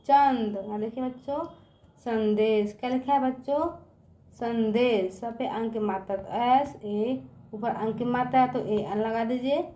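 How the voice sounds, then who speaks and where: High-voiced woman teaching children in an echoey room. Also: a little mellow. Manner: spells letter by letter, often checks whether children understood. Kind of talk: children's spelling lesson.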